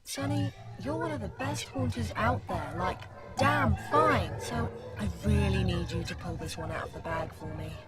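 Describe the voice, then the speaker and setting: A woman's voice: mid-range voice, expressive, moderate pace, hardly any pauses, natural voice. Woman playing exasperated Death, underworld boss, over music. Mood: earnest. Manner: sweary, exasperated, informal. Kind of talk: scripted audio drama acting.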